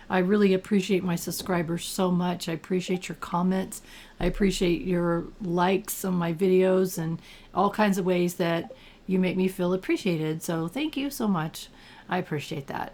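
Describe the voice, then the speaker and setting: An older woman with a gravelly whiskey voice, chatting and rambling casually as she hosts a game walkthrough. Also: medium pitch, a little mellow. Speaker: gaming video host. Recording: clear background noise.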